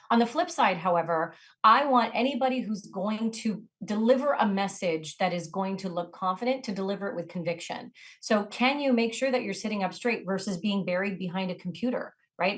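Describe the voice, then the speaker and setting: A woman who trains people in negotiation, answering interview questions with direct, emphatic coaching advice. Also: medium pitch.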